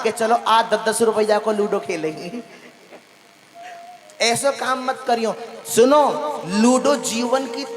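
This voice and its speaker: Male preacher, slow unhurried delivery, playful call-and-response questions. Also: very high voice. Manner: playful, repeating phrases for emphasis. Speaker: katha preacher. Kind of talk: devotional sermon to a live audience.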